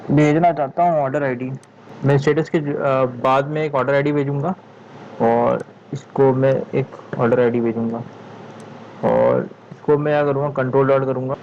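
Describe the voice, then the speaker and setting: Slow-talking man coding tutor, thinking aloud. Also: medium pitch, darkish tone, lo-fi sound, slight background noise. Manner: thinks aloud, frustrated muttering "yaar", frequent "theek hai"; speaks slowly on purpose. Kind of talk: screen-recorded coding tutorial.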